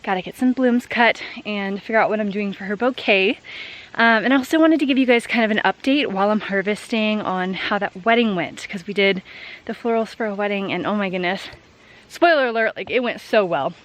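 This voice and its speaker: Woman, flower farmer, casual vlog, upbeat chatty manner, outdoors in a field, camera low on the ground. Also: fairly quick. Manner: chatty and upbeat, lots of fillers like "like" and "um". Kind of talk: casual vlog chat while harvesting. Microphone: camera set low on the ground.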